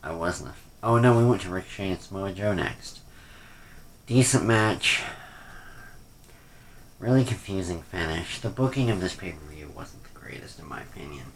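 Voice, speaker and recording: Low, gravelly man rambling a review. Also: animated, normal speed, pauses often, a little hiss or hum. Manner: rambling, hesitant, trailing off; critical, unimpressed. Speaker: wrestling pay-per-view reviewer. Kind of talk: casual off-the-cuff rant review.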